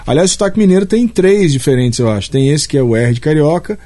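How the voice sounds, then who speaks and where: A man's voice: a little high, animated, fast, dark tone. A man from Minas Gerais, a comedian guest in casual chat, his Minas Gerais accent mixed with São Paulo. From Minas Gerais, Brazil.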